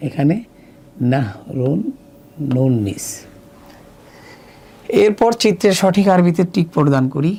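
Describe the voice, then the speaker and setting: A man's voice: fairly high pitch, animated, mellow. A man with a Bangladeshi Bengali accent teaching a children's Arabic lesson, patiently drawing out each word. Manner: patient, drawn-out word-by-word pronunciation. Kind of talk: slow recorded lesson walkthrough.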